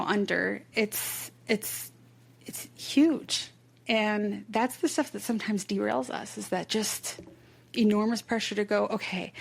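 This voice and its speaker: A woman's voice: medium pitch, creaky. A woman hosting a podcast, telling a story in a chatty, casual way that leans on "like" a lot. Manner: chatty storyteller, heavy use of "like". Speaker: podcast host.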